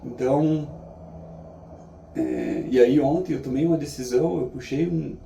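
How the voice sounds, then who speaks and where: A Brazilian man giving a reflective, casual monologue in an earnest, halting way, often checking in with short tag questions. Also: medium pitch, fairly even intonation, vocal fry, mellow. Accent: Brazilian Portuguese. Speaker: vlogger sharing daily reflections. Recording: echoey, distant mic, faint background noise.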